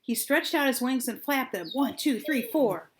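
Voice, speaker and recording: An older woman, a grandmother, reading a children's storybook aloud with deliberate, dramatic phrasing and drawn-out words. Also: high-pitched, animated, a little hiss or hum.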